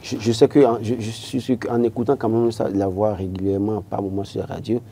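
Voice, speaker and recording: A man on a studio panel speaking in a measured, reflective way, trailing into asides. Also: fairly low pitch, level tone, gravelly, dark tone, slightly rough. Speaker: radio panelist. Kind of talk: studio tribute talk. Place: broadcast studio.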